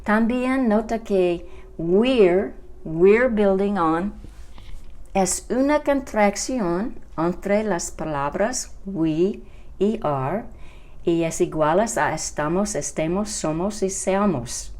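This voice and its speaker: A woman teaching English to Spanish speakers. She explains slowly and repeats each English example with care. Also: medium pitch, a little mellow. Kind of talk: Spanish-language English lesson. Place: home during quarantine.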